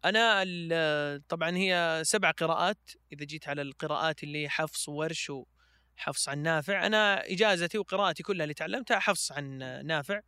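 Bright high-voiced man from Switzerland. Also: clear, resonant tone, no room sound. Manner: slow drawn-out chanting in recitation, hesitant fillers when chatting. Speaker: podcast guest, Quran reciter. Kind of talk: melodic Quran recitation and casual chat.

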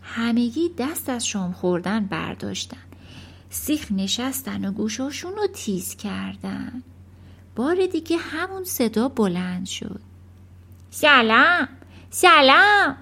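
A woman narrates a children's storybook with a bright, high voice. Her reading is expressive and animated, her pitch rising and falling freely. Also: gravelly, husky. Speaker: audiobook narrator.

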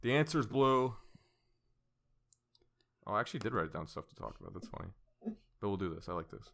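Animated, bright-voiced joking man. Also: lowish voice, fairly quick, vocal fry. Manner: joking, profane, self-mocking. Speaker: podcast co-host. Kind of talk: casual chat.

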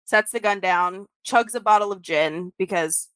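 A woman's voice: medium pitch, normal speed, fairly bright tone, clean tone, no room sound. A young woman co-hosting a podcast, telling a story in casual chat, with lots of "like" fillers and laughter. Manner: laughing, many "like" fillers, swearing. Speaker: podcast co-host.

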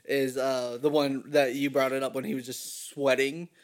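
A man's voice: mid-range voice, level tone, moderate pace. A man co-hosting a podcast, telling anecdotes in an enthusiastic, casual way. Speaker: podcast co-host. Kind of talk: casual chat.

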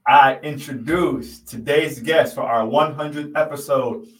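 A man hosting an interview podcast, an affirming, unhurried interviewer. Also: medium pitch, a bit bright. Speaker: podcast host. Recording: roomy echo from a distant mic.

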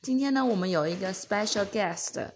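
A young Taiwanese-accented mother patiently teaches her toddler French words at home, playful and encouraging. Her mid-range voice has lively intonation and a normal speed, and the home recording carries a little hiss or hum.

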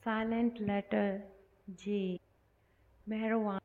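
Very slow woman reading word lists. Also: medium pitch, level tone. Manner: reads words one by one with long pauses. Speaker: English teacher. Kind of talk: slow word-list lesson. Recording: phone-like echoey recording.

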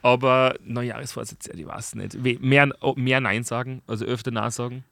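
A young man, a podcast host, chatting casually and acting out stories with lively dialogue. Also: mid-range voice, normal speed, creaky, no room sound, clean studio sound. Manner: animated storyteller, acts out dialogue. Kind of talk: casual chat.

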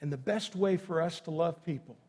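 High-pitched man preaching an emphatic sermon. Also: fairly quick, a little mellow, slightly rough. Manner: emphatic, repeating phrases for effect. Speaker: pastor. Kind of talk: sermon to a congregation.

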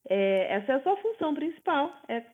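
A woman's voice: high-pitched, very animated, a little fast. Woman over a tinny line. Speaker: podcast co-host. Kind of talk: casual chat. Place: at home in the United States.

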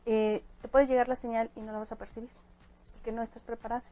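Woman, calm spiritual talk. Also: on the high side, fast talker, faint music behind, low-quality recording. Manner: calm, explanatory, spiritual advice. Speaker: guest angel reader. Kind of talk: casual chat.

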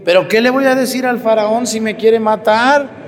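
A priest putting on a frightened old Moses. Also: male voice, high-pitched, normal speed, big-room sound, pitched above the performer's own voice, natural voice. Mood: pleading. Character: elderly stammering Moses, pleading and fearful.

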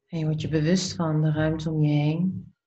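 Woman, low and even soft voice, guided meditation, soothing, unhurried pauses, breathy phrase endings, slightly muffled recording.

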